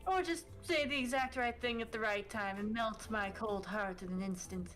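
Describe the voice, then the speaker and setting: A woman voicing a brooding goth female ghost killer in a dating game, in a wispy, breathy, sardonic voice. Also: a little high, normal speed, fairly bright tone, soft background music, lightly acted, low-quality recording.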